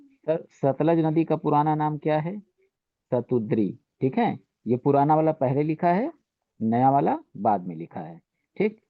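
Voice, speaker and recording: A man's voice: on the high side, very animated, unhurried, no room sound. A man teaching an exam-prep lesson, asking questions and answering them himself, with "ठीक है" after nearly every point. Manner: repeats "ठीक है" constantly, asks and answers own questions. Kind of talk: exam-prep lecture in Hindi with English terms. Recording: dry, phone-like narrow sound.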